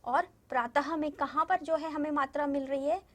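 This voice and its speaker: A woman teaching a Hindi lesson to young children. She repeats each word slowly and keeps asking the class questions. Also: high voice, steady tone. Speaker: primary school Hindi teacher.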